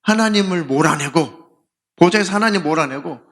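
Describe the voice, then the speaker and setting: A man's voice: on the high side, expressive, moderate pace, a bit bright. A male pastor preaching a sermon in an emphatic way, acting out exchanges as he goes. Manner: emphatic, acts out dialogue.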